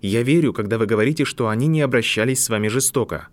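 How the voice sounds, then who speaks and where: A man reading an audiobook, voicing a composed older woman professor who speaks softly and sympathetically. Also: mid-range voice, close to an everyday voice. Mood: gentle. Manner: soft, sympathetic, measured. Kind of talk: audiobook narration.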